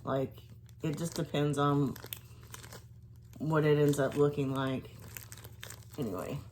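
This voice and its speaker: A woman's voice: deep voice, fairly even intonation, slow pace, a little mellow, a little hiss or hum. Rambling woman. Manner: rambling, hesitant, trailing off. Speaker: vlogger. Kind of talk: casual chat to camera.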